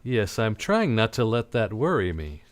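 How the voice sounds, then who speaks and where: An actor playing a tough, defiant private detective in an old-time radio drama, blunt and commanding. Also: male voice, fairly low pitch, sing-song, normal speed. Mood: cool, businesslike.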